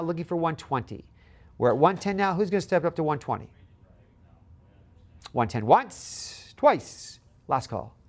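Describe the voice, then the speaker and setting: A man working as an auctioneer at a live auction, calling bids in a repetitive patter and asking for the next one. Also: sits high.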